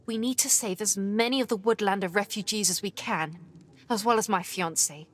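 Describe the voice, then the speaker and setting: A woman's voice: medium pitch, moderate pace, lightly acted. An actress playing a brave young female mouse scout in a video game, earnest and encouraging.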